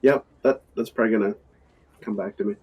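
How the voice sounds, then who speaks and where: A man's voice: medium pitch, fairly even intonation, quick pace, husky, highs cut off. Dry-joking man at a game table. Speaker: player. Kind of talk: casual chat at a game table.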